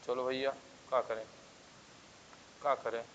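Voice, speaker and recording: A man's voice: medium pitch, little pitch movement, measured pace, fairly bright tone, a little hiss or hum. A male physics teacher lecturing a class, coaxing students with constant questions and asking for yes or no answers. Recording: dull sound with long reverb.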